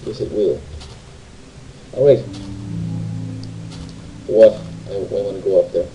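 A man's voice: lowish voice, takes it slowly, dull audio. A man giving rambling, casual commentary while playing a video game, often asking his viewers tag questions. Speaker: gamer. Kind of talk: casual let's play commentary. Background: faint game music.

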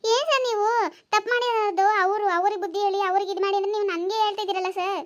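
A woman voicing a sharp-tongued mother who sides with her daughter in a cartoon. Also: very high-pitched, rapid-fire. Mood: scornful. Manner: scornful, bossy.

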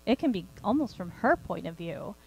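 A woman co-writing a serial story in casual chat, animated and quick to laugh. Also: medium pitch, slight background noise, rough recording. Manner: animated, laughs often, acts out scenes.

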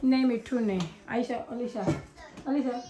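A woman's voice: a little high, fairly even intonation, moderate pace. A mother chatting with her children for a home vlog, coaxing and scolding them. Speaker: mother and vlogger. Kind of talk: casual family vlog. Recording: home video with clear background noise.

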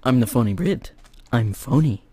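A young American man casually commenting on his gameplay, joking around and sometimes shouting loudly. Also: medium pitch, expressive, moderate pace, slightly rough, no echo. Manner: chatty, jokey, bursts into loud shouts. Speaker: gamer.

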